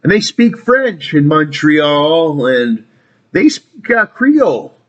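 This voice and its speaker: A man's voice: fairly high pitch, sing-song, takes it slowly, highs cut off. A man talking in a rambling casual monologue, trailing off and restarting, swearing casually. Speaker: vlogger.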